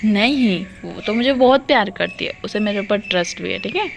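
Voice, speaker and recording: A woman's voice: mid-range voice, moderate pace, creaky, a little hiss or hum, lightly acted. A woman voicing a playful young woman who teases her friend and chatters about missing her girlfriend. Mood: teasing. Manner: teasing, chatty.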